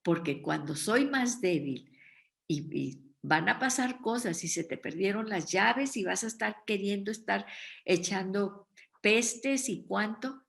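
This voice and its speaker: A woman teaching a Bible study in an earnest tone, often pausing to check in with her listeners. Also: mid-range voice, animated, vocal fry, fairly bright tone.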